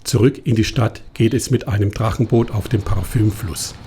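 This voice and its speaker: A man narrates a travel documentary in a calm, measured way, with the even delivery of scripted voice-over. His voice sits a little low and is warm, mellow and slightly rough.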